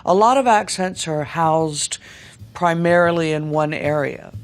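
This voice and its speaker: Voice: mid-range voice, measured pace, music in the background. A dialect coach giving articulate instruction, stretching out sounds to demonstrate them.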